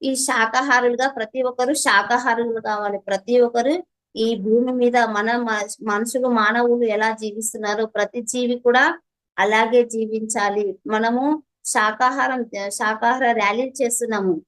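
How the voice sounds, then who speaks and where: Captured on a low-quality recording, this fairly bright, steady, somewhat high female voice moves at a moderate pace. Speaking with a Telangana Telugu accent, she gives an interviewer a fervent, preachy testimony about her meditation practice.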